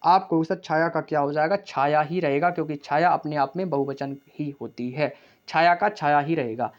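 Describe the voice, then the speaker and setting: Brisk Hindi-speaking man teaching exam grammar. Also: fairly high pitch, muffled recording. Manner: brisk, keeps calling students brother, asks and answers own questions. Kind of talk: exam practice lesson.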